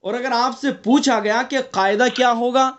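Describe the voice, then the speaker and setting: A man teaching an online class in Quran recitation, questioning his students and explaining each rule step by step, with slow chanted recitation in between. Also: very high voice, steady tone, a bit bright, highs cut off. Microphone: online class connection.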